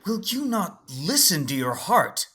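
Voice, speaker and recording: Here a man plays a wise, composed alien Jedi for an audio drama, speaking huskily with a quiet, softly probing manner. The voice is high and measured in pace, delivered as a complete character performance.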